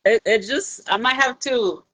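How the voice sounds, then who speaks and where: A woman hosting a podcast over a live video stream on her phone, chatty and laughing often. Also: a little high. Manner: chatty, laughs often, soft-spoken at the start. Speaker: podcast host. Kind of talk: casual live-stream chat. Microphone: phone on a live video call.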